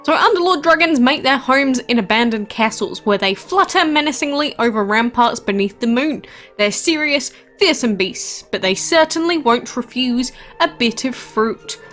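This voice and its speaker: A woman's voice: a little high, expressive, normal speed, fairly bright tone, faint music behind. A woman hosting a casual gameplay commentary, chatting about her game with frequent asides and fillers. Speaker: game channel host.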